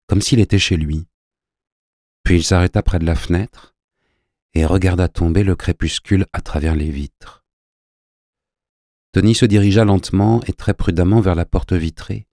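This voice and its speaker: A man reads a novel aloud as narrator, measured and even. His voice is very deep, and the recording is dry and close with no room sound. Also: dry recording. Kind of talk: audiobook narration.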